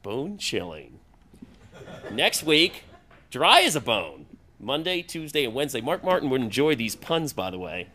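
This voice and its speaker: A man's voice: medium pitch, sing-song, unhurried, bright, forceful tone. A man presenting a live TV weather forecast in a chatty way, with the odd pun.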